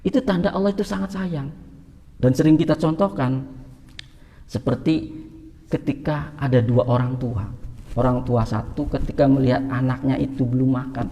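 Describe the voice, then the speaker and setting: A man delivers a religious teaching in a gravelly, mellow voice, asking questions and answering them himself. His pitch leaps up to stress points. The sound carries a long reverb, as in a hall. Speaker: preacher.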